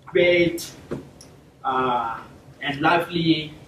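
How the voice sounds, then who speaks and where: A young South Sudanese man giving a formal talk to a university class, thanking people warmly and using many fillers. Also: on the high side, drawn-out words, slight background noise. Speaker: guest speaker. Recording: echoey classroom, from far off.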